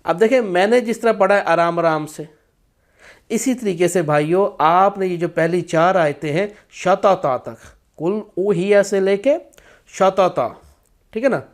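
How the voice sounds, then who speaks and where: Guy teaching, kinda high voice, firm, repeats himself a lot. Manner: slow chanted recitation, then firm explanatory speech. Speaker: spiritual practice teacher. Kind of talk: instructional talk with Quranic recitation.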